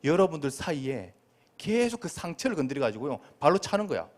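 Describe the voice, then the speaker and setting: A man preaching to children in a high, animated voice, his pitch leaping up and down. He is a middle-aged pastor who keeps firing questions at his young listeners. His way of speaking is playful and expressive. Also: brisk. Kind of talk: sermon to a children's group.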